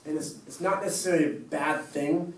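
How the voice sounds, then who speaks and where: A man's voice: fairly high pitch, brisk, slight background noise. A man, a personal trainer, chatting casually and rambling to his staff with easy laughs. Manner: rambling, upbeat, laughs easily. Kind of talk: casual chat. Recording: echoey room, mic far off.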